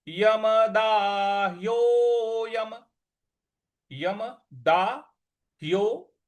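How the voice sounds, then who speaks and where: High-voiced man slowly chanting scripture. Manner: slow drawn-out chanting of verses, brisk explanations in between; patient, instructive. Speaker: scripture teacher. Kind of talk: Sanskrit recitation lesson.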